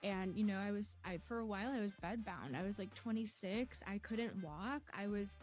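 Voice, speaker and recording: A woman's voice: medium pitch, normal speed, darkish tone, soft background music. A woman telling her personal story in conversation as a podcast guest, candid and introspective. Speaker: podcast guest, health marketer.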